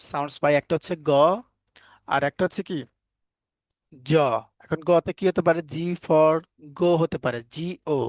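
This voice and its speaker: A man's voice: on the high side, a little mellow, no room sound. A man teaching a live online English phonics class, asking the students questions over and over and scolding them firmly at times.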